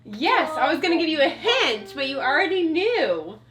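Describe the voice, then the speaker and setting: A woman's voice: high voice, sing-song, moderate pace, a bit bright. A woman teacher leading children in a playful class recitation. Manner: upbeat, playful, coaxing children to chant along. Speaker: homeschool co-op teacher.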